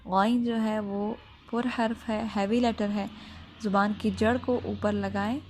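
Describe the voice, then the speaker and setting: A woman's voice: mid-range voice, flat delivery, a little mellow, slight background noise. A woman teaching tajweed. She explains pronunciation patiently, step by step, and often checks that the listener follows. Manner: slow drawn-out recitation, then plain step-by-step explaining. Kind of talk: Quran recitation lesson.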